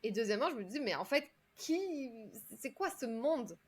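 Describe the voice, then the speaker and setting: Brief: woman from France, guest storyteller, fairly high voice, lively and chatty with fillers and restarts. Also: moderate pace, breathy edge. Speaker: guest, public speaking coach. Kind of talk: casual interview storytelling.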